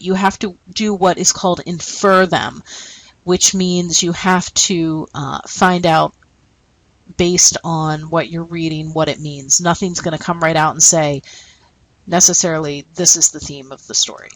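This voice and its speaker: A woman's voice: on the low side, unhurried, a bit bright, rough recording. A woman teacher explaining a lesson and reading short stories aloud, often checking in with "okay?". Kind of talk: recorded classroom lesson.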